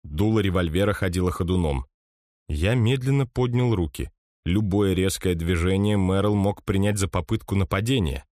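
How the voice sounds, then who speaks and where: A man narrating an audiobook in the first person with measured, steady storytelling. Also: sits low, dry recording, clean studio sound.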